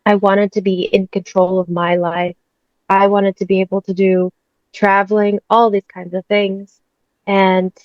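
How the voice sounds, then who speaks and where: In a dry, echo-free recording with a dull sound, a woman from the United States in her thirties speaks in a mid-range voice. She's a guest sharing her own story openly and conversationally, with frequent laughter.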